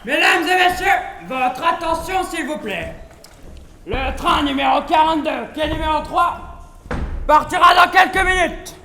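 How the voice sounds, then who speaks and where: A man playing a station announcer over a loudspeaker. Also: extremely high pitch, animated, measured pace, vocal fry, slight background noise, heavily acted. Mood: formal. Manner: loud formal announcing. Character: male railway station announcer. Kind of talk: amateur stage show acting. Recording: echoey hall, heard from afar.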